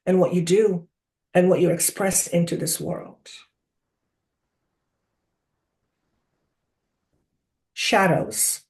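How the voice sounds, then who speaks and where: A wise collective of spirit guides addresses listeners through a trance medium at a seance, speaking deliberately, oracularly and with solemn instruction, lengthening key words and asking rhetorical questions. The mid-range, darkish voice stays close to everyday speech, and the mood is emphatic and instructive.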